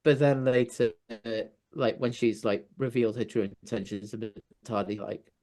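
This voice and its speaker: A man with a North Welsh accent, a podcast guest chatting casually, hesitant with many pauses and restarts. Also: mid-range voice, fairly even intonation, darkish tone. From North Wales. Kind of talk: casual chat.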